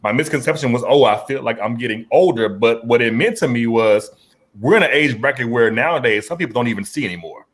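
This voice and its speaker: Talking fast in a mid-range voice, this forties-aged podcast host runs a relaxed, slangy chat and tends to repeat words as he goes.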